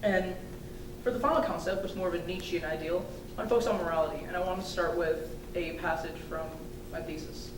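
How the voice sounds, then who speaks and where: A young woman giving a student thesis defense presentation in a hesitant, halting way with informal hedging asides. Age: young adult. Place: indoor room, recorded from a distance. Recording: echoey room, distant mic, rumbling noise.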